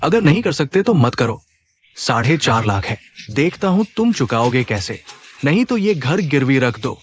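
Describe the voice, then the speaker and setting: A man dubbing a bullying loan shark who speaks with menace and a sneer, with soft music behind. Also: medium pitch, sing-song, normal speed. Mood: menacing.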